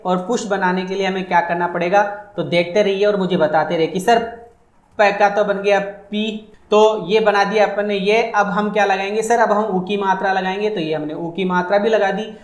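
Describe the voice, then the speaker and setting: A man's voice: high-pitched, steady tone, normal speed, roomy sound. A man teaching a phonetics lesson, repeating each point and asking questions that he answers for his students. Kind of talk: online exam-prep phonetics lesson.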